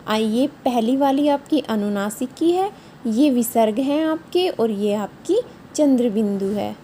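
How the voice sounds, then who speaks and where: A woman's voice: a little high, animated, unhurried, dark tone, slight background noise. A woman teacher giving a patient, step-by-step revision lesson to young children, often checking in with short questions. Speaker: primary school teacher.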